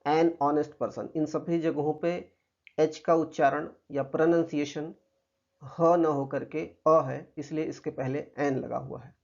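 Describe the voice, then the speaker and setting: A man with an Indian accent teaches a grammar lesson in a gravelly, slightly raised voice. He explains patiently and reads out English examples slowly. The recording is muffled and lo-fi. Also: fairly high pitch, fairly even intonation, a little mellow.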